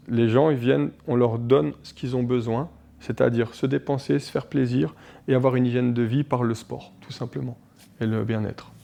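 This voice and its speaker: Interviewed on local TV, this man in his forties from Switzerland teaches martial arts and speaks with a gravelly, mid-range voice. He's lively, frequently starts sentences over, and leans heavily on fillers.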